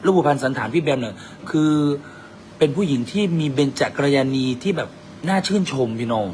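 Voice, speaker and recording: A man's voice: medium pitch, lively intonation, brisk, a little mellow. Teasing Isan-accented man in a noisy cafe. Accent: Isan Thai. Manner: teasing, boisterous, mixes in dialect. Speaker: vlog host. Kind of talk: casual joking banter.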